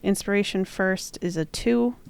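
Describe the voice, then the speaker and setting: A woman's voice: medium pitch, moderate pace, creaky, smooth, dry recording. A woman chatting casually as a player in a tabletop game.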